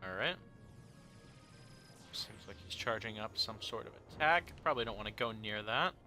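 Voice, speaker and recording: A man's voice: lowish voice, expressive, normal speed, bright, forceful tone. A young man giving casual, rambling commentary on a video game he is playing, with joking asides and many fillers. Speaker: let's play host. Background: game music.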